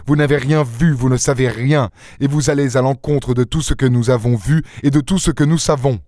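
A man's voice: medium pitch, steady tone, a little fast, mellow, no room sound, pitched above the performer's own voice, lightly acted. Brief: male reader playing an irritable, scoffing nobleman in an audiobook, mid-range voice, dry studio sound. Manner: impatient, scoffing. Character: impatient, irritable aristocratic count, sneering.

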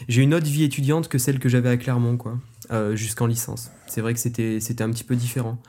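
A man in his twenties from Auvergne, France, co-hosts a podcast, chatting casually in a loose, joking way with plenty of fillers. His voice is medium-pitched, mellow, and fast, with a flat delivery.

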